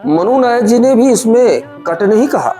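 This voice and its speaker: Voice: medium pitch, animated, a little slow, mellow, faint music behind. A narrator telling a documentary story in scripted voice-over, addressing listeners as friends. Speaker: narrator of a history series.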